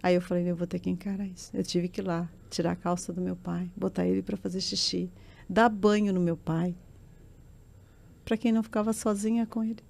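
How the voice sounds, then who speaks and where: Speaking on a podcast, a middle-aged woman shares an emotional testimony in earnest, her storytelling rising to tearful intensity. Her voice sits on the low side, creaky and a little mellow, with a flat, brisk delivery.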